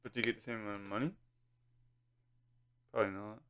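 Laid-back podcast host, smooth voice. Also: male voice, on the low side, steady tone, fast, a bit bright, dry recording. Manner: laid-back, stumbling, repeats words. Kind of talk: casual chat.

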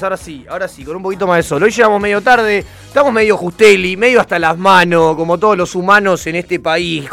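A man with a Rioplatense accent hosting a radio show from the studio, loud and excitable, swearing casually. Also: sits high, no room sound. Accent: Rioplatense Spanish. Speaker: radio host.

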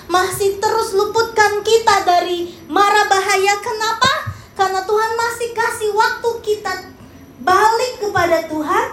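A woman pastor preaching a sermon in an animated way, acting out quotes and asking the congregation questions. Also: very high-pitched, very echoey, a little hiss or hum, low-quality recording.

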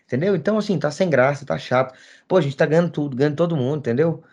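A man's voice: a little high, very fast, darkish tone. A Brazilian man in casual football banter as a podcast co-host, speaking in slangy street talk, repetitive and insistent. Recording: dull lo-fi podcast audio.

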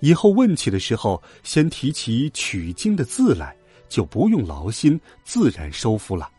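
A man voicing a stern but motherly female bodhisattva in a children's story, speaking slowly and softly. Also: mid-range voice, huge pitch swings, husky, faint music behind, voice pushed down. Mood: stern gentle. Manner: slow, soft, lecturing.

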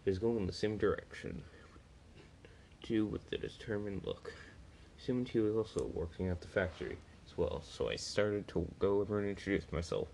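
A man's voice: on the low side, normal speed, creaky, darkish tone, slight background noise, poor audio. A man reading a first-person story aloud, plainly, with small slips and restarts.

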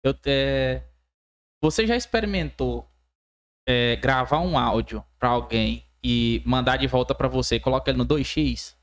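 A man co-hosting a podcast, chatting and telling stories in a relaxed way. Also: medium pitch, unhurried. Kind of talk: casual podcast chat.

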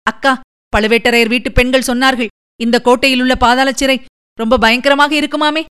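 A woman's voice: sits high, steady tone, fairly quick, fairly bright tone, clean tone. A woman reading the part of a grief-stricken young noblewoman in an audiobook, pleading and tearful.

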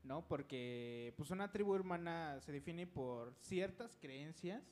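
A man's voice: on the high side, animated, slow, darkish tone. Hesitant Mexican man thinking aloud. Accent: Mexican Spanish. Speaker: podcast co-host. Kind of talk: casual group chat.

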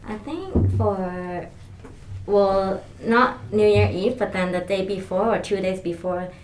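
A woman's voice: medium pitch, takes it slowly, a little mellow, reverberant, poor audio. A woman from Hong Kong chatting on a podcast, a little hesitant and adding short points. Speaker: social media coordinator. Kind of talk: casual podcast chat.

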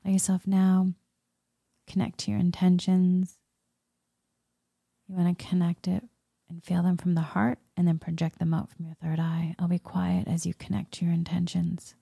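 A woman leading a guided meditation in a soft, soothing spa-like murmur that often slips into a whisper. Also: on the low side, monotone, normal speed, creaky, breathy edge, no echo, clean studio sound. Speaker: guided meditation leader, Reiki healer.

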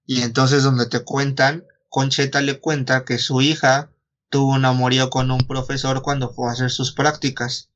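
A man's voice: mid-range voice, level tone, normal speed, fairly bright tone, highs cut off. A Mexican man retelling a story in casual chat, slangy and foul-mouthed, acting out the dialogue as he goes. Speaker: podcast host retelling a story.

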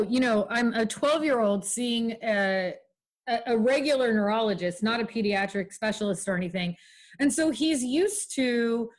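A young woman hosting a casual chat, telling a long personal story with lively quoted voices. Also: fairly high pitch. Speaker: podcast host.

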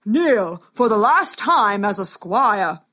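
A woman narrator voicing a commanding male king who thunders formal proclamations, loud and stately. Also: mid-range voice, sing-song, slow, full character voice.

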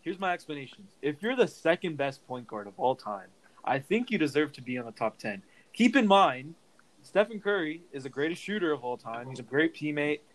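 A man's voice: a little high, sing-song, brisk, low-quality recording. A man in a casual sports debate podcast, talking hesitantly with restarts, defending his picks. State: voice cracking. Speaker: podcast co-host.

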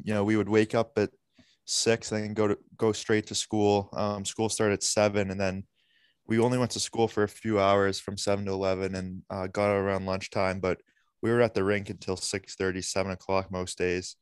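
A man's voice: on the low side, smooth, dry recording, clean studio sound. A young man from Massachusetts answering podcast questions earnestly, with frequent fillers. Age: young adult. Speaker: podcast guest, college hockey player. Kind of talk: casual interview answers.

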